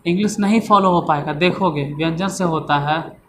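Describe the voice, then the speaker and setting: A man's voice: fairly high pitch, moderate pace, a little hiss or hum. A man teaching English grammar in a classroom lesson, repeating points and asking and answering his own questions.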